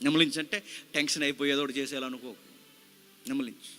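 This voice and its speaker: A man's voice: mid-range voice, fairly even intonation, fast talker, bright, forceful tone, in a large hall, faint music behind. A male pastor preaching a sermon, dramatic and full of rhetorical questions to the congregation. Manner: repeats scripture phrase by phrase after a reader.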